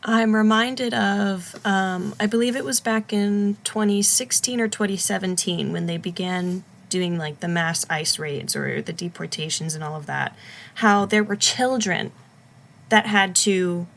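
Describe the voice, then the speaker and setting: Low-voiced woman, earnest and indignant. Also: vocal fry. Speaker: discussion participant. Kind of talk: casual discussion.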